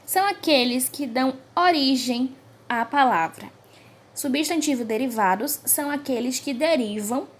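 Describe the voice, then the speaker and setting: Brazilian teacher woman, slightly high voice. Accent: Brazilian Portuguese. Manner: slow and clear, stressing each example word. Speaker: primary school teacher. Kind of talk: classroom grammar review.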